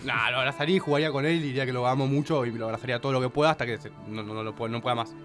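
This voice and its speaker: A man's voice: medium pitch, steady tone, very fast, over music. A young man with an Argentine accent, a guest telling a heartfelt story in an earnest, rambling way. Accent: Argentine Spanish. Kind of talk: casual chat.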